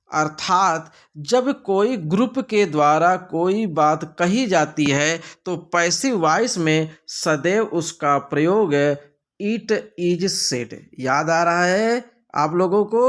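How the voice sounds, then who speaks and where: Speaking in a fairly high voice, this Hindi-accented man teaches English grammar, going over the answer choices with his class while adding playful, theatrical side comments.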